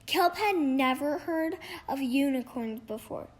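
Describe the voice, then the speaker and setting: Girlish high female voice reading a kids book out loud slowly, trips on words and starts again. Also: animated. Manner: halting, stumbles over words and rereads phrases. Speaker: reader of a children's picture book. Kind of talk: storybook read-aloud.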